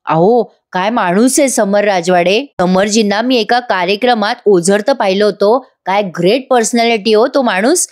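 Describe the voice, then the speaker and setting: A woman's voice: medium pitch, normal speed, few pauses, darkish tone, natural voice. A woman voicing a courteous middle-aged father full of praise.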